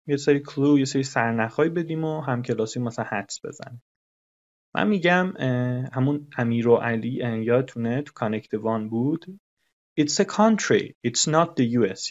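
A male English teacher walks through a lesson, explaining patiently and repeating phrases so they sink in. His voice sits at a middle pitch. The recording is dull and lo-fi.

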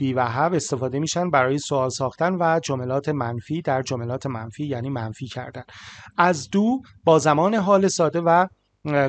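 A male English teacher with a slightly high voice. He rattles through his explanations and slows right down for each example sentence, saying it clearly for learners to repeat. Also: slight background noise. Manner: rapid explanations, slow careful example sentences.

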